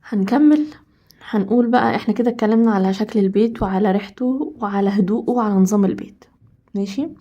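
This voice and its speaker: A woman's voice: medium pitch, fast talker, dark tone, dull audio. A woman with an Egyptian accent giving emphatic, casual home advice to women and repeating points for stress. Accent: Egyptian Arabic.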